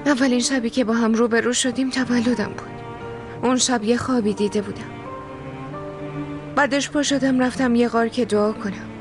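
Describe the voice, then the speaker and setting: Dub: actress as proud young heroine, high-pitched, defiant, heartfelt, music under. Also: female voice, steady tone, pauses often, natural voice. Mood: sorrowful. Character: young woman, proud, bitter about her fate. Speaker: dubbing actress. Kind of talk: dubbed TV drama. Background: background score.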